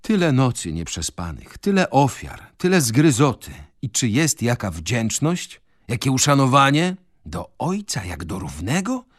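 A man's voice: medium pitch, huge pitch swings, a little slow, no room sound, clean studio sound. Man voicing a moaning self-pitying mother. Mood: plaintive. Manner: plaintive, moaning. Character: complaining middle-aged mother, self-pitying. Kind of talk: radio reading of a novel.

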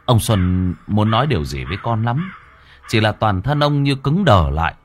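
Male storyteller, low voice, lively swooping delivery, dry close recording. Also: moderate pace, slight background noise. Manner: dramatic, expressive. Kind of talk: ghost story narration.

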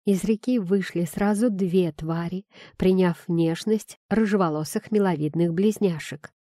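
A woman reading a first-person fantasy audiobook in an expressive storytelling manner. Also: lowish voice, a little slow, no room sound, clean studio sound. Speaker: audiobook narrator.

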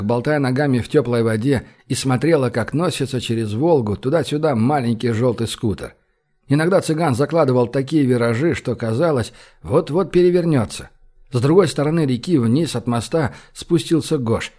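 A man giving a steady, even scripted narration of an audiobook. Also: medium pitch, normal speed.

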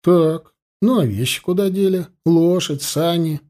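A man voicing a calm, shrewd police investigator in an audiobook reading, coaxing and ironic. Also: on the high side, unhurried, voice pushed up, lightly acted.

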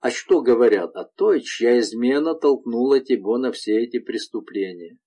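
A man's voice: medium pitch, animated, moderate pace, mellow, slightly rough. A man playing a tormented wolf leader. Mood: brooding.

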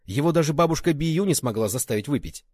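An earnest, protective young man speaks with insistent force, his voice lifted above the reader's own. A man reads him aloud in a storybook reading, the tone husky and a little breathy. The recording is dry and close. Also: a little high, expressive, fast talker, a little mellow, no room sound, pitched above the performer's own voice.

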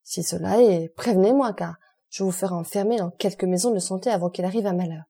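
Reading an audiobook, a woman voices a commanding aristocratic count who is cool and ironic, imperious, dry, and mocking toward his servant. Her mid-range voice is fast, mellow, and husky with vocal fry.

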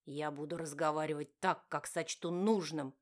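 A woman voicing an angry, domineering young husband who growls and shouts in a lowered, slower voice. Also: steady tone, natural voice. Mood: furious.

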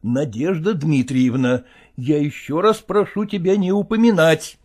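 A man's voice: a little high, unhurried, a little mellow. A man voicing an irritable, harassed middle-aged husband and father, talking in an exasperated, firm and pleading way.

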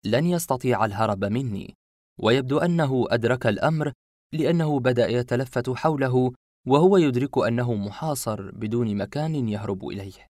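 A man's voice: medium pitch, no echo. Man narrating a suspense story, dry close sound. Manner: steady, suspenseful first-person storytelling. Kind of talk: audiobook narration.

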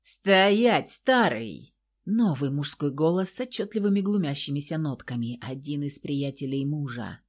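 A woman narrates a first-person audiobook with a fairly low-pitched voice. Her reading is intimate and tense. She keeps an even, storytelling cadence. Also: moderate pace, hardly any pauses, breathy edge.

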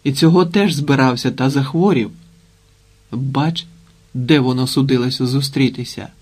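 A man's voice: mid-range voice, moderate pace, darkish tone, breathy edge, close to an everyday voice. A man reading the lines of a blunt Cossack in an audiobook. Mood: grim.

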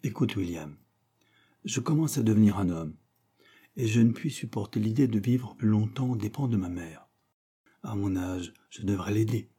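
A man's voice: fairly low pitch, normal speed, mellow, slightly rough. A man voicing an earnest, determined young student in an audiobook. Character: eager young man, poor student set on university.

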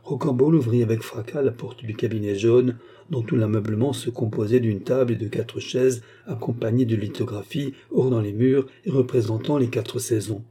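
Dark-voiced male audiobook narrator. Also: medium pitch, normal speed, few pauses, breathy edge.

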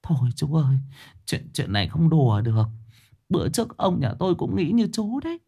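A man's voice: high-pitched, very animated, moderate pace, gravelly, voice pushed up, exaggerated voice. A man voicing a frantic middle-aged mother who begs and stammers. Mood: pleading. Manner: begging, tearful, stammering.

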